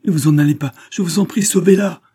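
A man's voice: fairly high pitch, fast talker, mellow, breathy edge, voice pushed up. A man playing a grief-stricken pleading husband. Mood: desperate pleading. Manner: anguished, pleading, sobbing cries.

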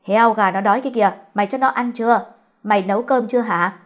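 A woman voicing a harsh, bad-tempered old mistress who scolds her servant in fast, shrill bursts. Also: close to an everyday voice. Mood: irritable.

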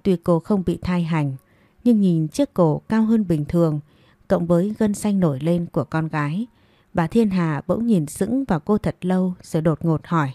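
A woman narrating an audio story in a calm, even manner. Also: fairly low pitch, normal speed, no echo.

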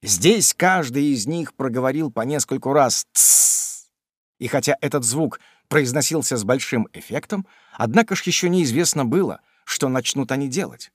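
A man narrating a classic novel in an expressive storytelling voice. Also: mid-range voice, moderate pace, hardly any pauses, breathy edge, no echo, clean studio sound. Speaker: audiobook narrator.

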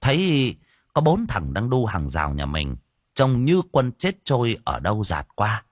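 A man narrating an audiobook story in an expressive telling. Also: lowish voice, measured pace, no room sound, studio quality. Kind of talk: scripted narration.

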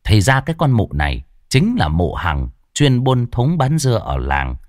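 A man narrating a comic ghost story in a lively, mocking way. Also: medium pitch, moderate pace, no echo, studio quality.

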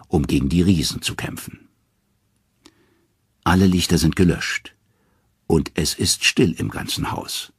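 A male audiobook narrator telling a myth with dramatic expression. His voice is very deep and strongly husky, and the recording is close and dry. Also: no room sound. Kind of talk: scripted storytelling narration.

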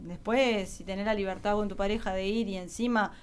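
A woman's voice: medium pitch, fairly even intonation, brisk, slight background noise. A woman with a Rioplatense accent, chatting frankly and casually as a guest on a talk show. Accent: Rioplatense Spanish. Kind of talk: casual radio chat.

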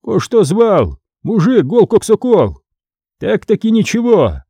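A self-assured old-time merchant, unbothered and businesslike, as a man plays him. The voice sits a little high, with a dark, mellow tone and lively pitch. The recording is dry and close, as in an audiobook. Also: slow, slightly rough, dry recording, full character voice.

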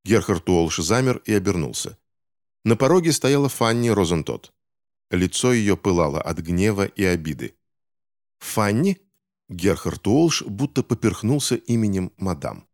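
A man reading a novel aloud as an audiobook narrator, with expressive storytelling. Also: low voice, normal speed. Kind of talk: scripted narration.

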